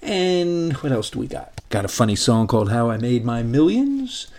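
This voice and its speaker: A man hosting a show, giving a casual, offhand introduction in a loose, halting way. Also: medium pitch, sing-song, a little mellow. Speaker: show host.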